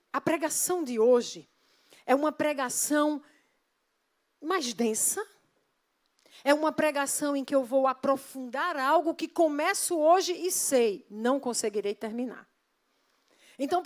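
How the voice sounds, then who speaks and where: A woman pastor preaching a sermon in church, emphatic and asking the congregation rhetorical questions. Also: high-pitched.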